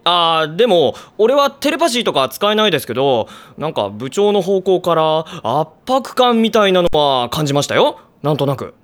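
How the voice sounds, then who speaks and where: 男性声優が演じる、のんびりして冷静にツッコむ十代の男子部員。気さくなアニメの芝居。. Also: male voice, on the high side, sing-song, normal speed, hardly any pauses. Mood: dry. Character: laid-back, dryly observant teenage schoolboy club member. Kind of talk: anime voice acting.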